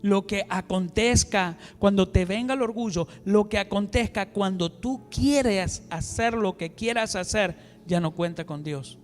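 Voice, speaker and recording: High-voiced preacher in a reverberant hall. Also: male voice, measured pace, hardly any pauses. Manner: impassioned, swings between loud exhortation and hushed asides. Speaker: apostle preaching. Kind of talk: sermon. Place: church hall. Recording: music and long reverb of a hall.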